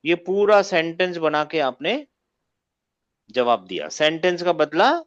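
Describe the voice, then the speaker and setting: An Arabic teacher with a slightly high, very animated but unhurried voice leads an online grammar class, frequently asking students whether they follow. The audio comes through a video call and sounds muffled and lo-fi.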